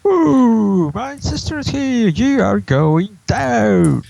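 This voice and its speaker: A man voicing a defiant little filly girl in a squeaky falsetto, in an amateur comic read-through. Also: animated, unhurried, creaky, slightly rough, no echo, heavily acted. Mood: taunting.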